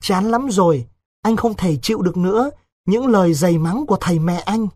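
A man's voice: high-pitched, a little fast, no room sound, studio quality, voice pushed up. A man doing a desperate young village lover. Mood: urgent. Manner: urgent, hushed persuading.

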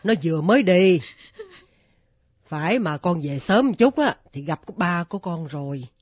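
A woman voicing a stern elderly grandmother who scolds gruffly, in a radio drama. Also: lowish voice, animated, moderate pace, dry recording, lo-fi sound. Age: older.

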